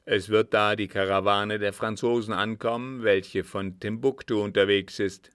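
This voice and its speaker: A man's voice: on the low side, fairly even intonation, moderate pace, fairly bright tone, smooth, no room sound, clean studio sound, natural voice. A man voicing a cunning disguised agent who feigns innocence with emphatic protests, in an audiobook reading. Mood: persuasive.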